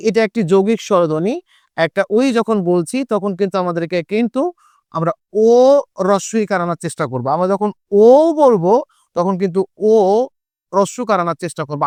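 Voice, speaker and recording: Man, Bangladeshi accent, teacher, high smooth voice, slow deliberate lesson, dry close sound. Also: fairly bright tone, no room sound. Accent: Bangladeshi Bengali. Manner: slow and deliberate, stressing example words. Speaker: Bengali teacher. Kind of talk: exam-prep lesson.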